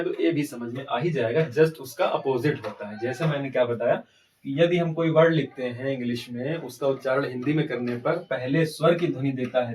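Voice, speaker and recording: A man's voice: mid-range voice, a little mellow, distant mic, poor audio. A man teaching an English grammar lesson, asking questions and answering them himself. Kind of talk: classroom-style grammar lesson.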